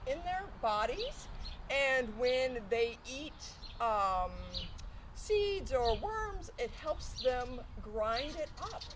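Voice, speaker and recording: A woman's voice: sits high, expressive, extremely slow, noisy background. A woman explaining things simply and informally as a farm educator in a casual interview.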